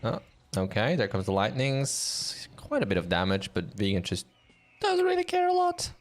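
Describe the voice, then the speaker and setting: A man's voice: medium pitch, moderate pace. A man commentating an online game league match, explaining the action and chatting casually with his co-caster. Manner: curious, explanatory, animated. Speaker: esports commentator.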